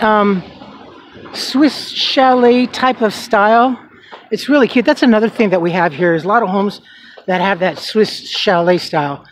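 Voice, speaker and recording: A vlogger films a walking tour of his neighborhood on a handheld camera, chatting casually and rambling with fillers as he strolls a residential street. His voice is high-pitched, and the rough recording picks up outdoor noise, passing traffic, and street ambience.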